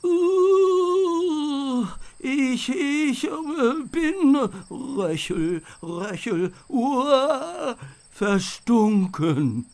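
Menacing haunted armor voiced by a storyteller, hollow, hoarse, slow booming threats, strange strained timbre. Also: sing-song, heavily acted. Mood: groaning. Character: ghostly talking suit of armor, menacing, hollow. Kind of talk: audiobook character voice.

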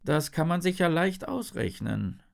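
A curious, clever little boy murmurs in a higher, hushed voice, as a man reads him in a children's storybook. His voice carries a slight rasp. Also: sing-song, a little slow, full character voice. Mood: wry. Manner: hushed, wondering.

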